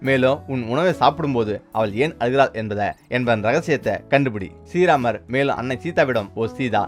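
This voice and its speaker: A man narrating a folk story and voicing all its characters in his own steady voice. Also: medium pitch. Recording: faint music underneath.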